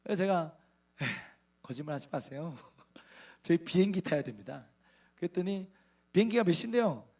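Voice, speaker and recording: A man's voice: fairly high pitch, expressive, normal speed, a little mellow. A man in his thirties preaching a sermon as a missionary, telling his story with humor and acting out the dialogue, often laughing. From Korea.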